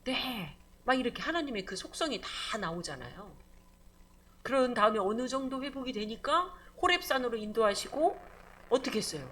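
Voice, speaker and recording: A woman pastor delivers an animated sermon, her bright voice sitting a little high. Her pitch swings widely as she calls out for amens and acts out stern scolding voices. The delivery is conversational and lively. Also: moderate pace. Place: church.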